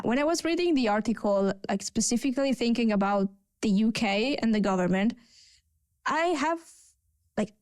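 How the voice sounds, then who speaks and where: A woman with an Italian accent co-hosts a relaxed podcast conversation over a video call. Her voice sits a bit high and comes through smooth and clean, recorded dry. She talks chattily and often pauses to search for her words. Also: no echo. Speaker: podcast co-host. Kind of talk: casual panel chat.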